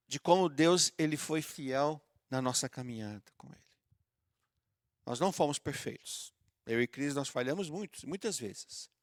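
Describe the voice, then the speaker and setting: A man's voice: fairly high pitch, no room sound, studio quality. A man preaching a sermon as pastor, speaking to the congregation in a familiar, conversational way and acting out sample prayers. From southern Brazil. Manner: conversational preaching that addresses listeners warmly and acts out sample prayers. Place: church auditorium.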